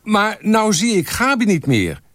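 A man doing a cheery photographer calling out high and loud. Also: wildly swooping pitch, a little slow, no echo, studio quality, heavily acted. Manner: calling out loudly, high-pitched. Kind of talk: reading aloud from a novel.

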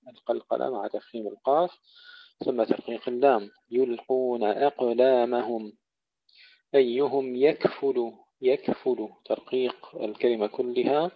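A man's voice: medium pitch, no room sound. Man teaching Quran recitation, lo-fi sound. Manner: slow melodic recitation alternating with brisk explanation. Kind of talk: tajweed lesson with recitation.

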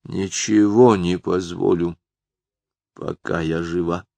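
A man's voice: deep voice, fairly even intonation, slow, vocal fry, mellow, dry recording, full character voice. A man voicing a moody middle-aged woman fortune teller who gives clipped, ominous card readings. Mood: bitter.

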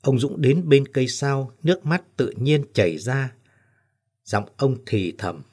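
A man reads a folk ghost story aloud as an audiobook narrator. His voice sits at an ordinary middle pitch. He shifts it a little for each character he voices. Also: very animated, measured pace, a little mellow, husky.

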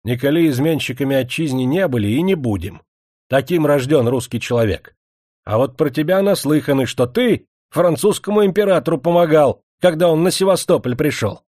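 A man's voice: a little high, animated, brisk, a little mellow, no echo, pitched above the performer's own voice. Man playing strong stern blast-furnace worker, blunt, folksy, mocking edge, dry recording.

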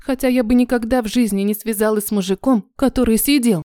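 A woman's voice: on the high side, steady tone, fast talker, warm tone, no echo, clean studio sound. A woman reading a first-person audiobook in a wry, confessional manner. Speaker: audiobook narrator.

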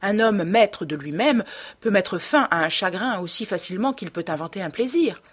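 A woman reading the part of a cynical, self-assured young man in an audiobook, in a smooth, detached way. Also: medium pitch, lively intonation, normal speed. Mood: curt. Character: cold, cynical young male dandy.

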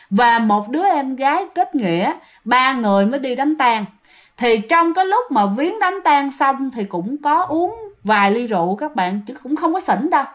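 A woman with a Southern Vietnamese accent telling a ghost story in a chatty way, often speaking directly to her listeners. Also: a little high.

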